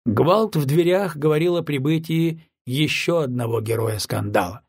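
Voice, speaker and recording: A man narrating a novel in steady, scripted storytelling. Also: a little high, normal speed, husky, no room sound, studio quality. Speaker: audiobook narrator.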